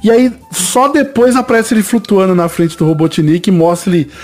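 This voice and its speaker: A man with a Brazilian Portuguese accent in a casual podcast chat, retelling scenes in an animated rush. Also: high voice, fairly quick.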